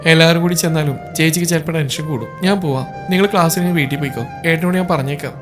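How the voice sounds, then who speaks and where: A man voicing a gentle, caring young wife in a storybook reading, speaking softly and steadily. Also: sits low, racing, over music, close to an everyday voice. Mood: concerned.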